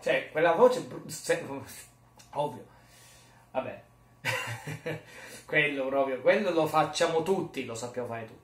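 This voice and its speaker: A male vlogger chatting casually, rambling and joking at his own expense. His voice sits a little high for a man. The room is echoey, and the mic picks him up from a distance. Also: measured pace, a bit bright. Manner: rambling, jokey, self-mocking. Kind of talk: casual chat. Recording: roomy echo, mic far off.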